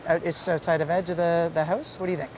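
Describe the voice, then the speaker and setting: A man coaching a team through a timeout, talking tactics quickly and asking the players for their opinions. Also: fairly high pitch, fairly even intonation. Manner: quick, collaborative, asks for opinions. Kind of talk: strategy talk during a timeout. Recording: mic'd on the ice, arena crowd behind.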